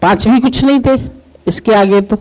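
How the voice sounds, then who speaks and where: A woman's voice: a little high, normal speed, a little mellow, rough recording. A woman spiritual teacher delivering a devotional sermon, telling a parable and acting out its dialogue.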